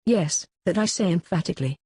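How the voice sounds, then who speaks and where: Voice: mid-range voice, lively intonation, fairly quick, darkish tone, husky, no room sound, clean studio sound. A reader voicing a blunt, stubborn accuser. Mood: insistent. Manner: curt, insistent answers. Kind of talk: dramatic reading of a classical dialogue.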